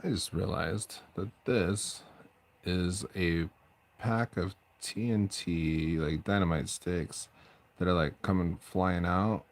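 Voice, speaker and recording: A man with a deep bass voice, chatting casually on a late-night stream at home while he paints miniatures, rambling and restarting his sentences. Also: fairly even intonation, slow. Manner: rambling, self-interrupting, chatty. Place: at home at night, family asleep.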